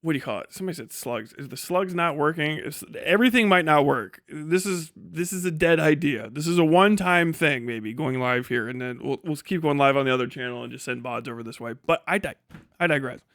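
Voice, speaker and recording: A tired man hosts a livestream and makes videos, casually chatting and ranting in a rambling, blunt, heavily profane way. His voice is a little high and a bit bright, animated and fairly quick, recorded clean in a studio with no room sound.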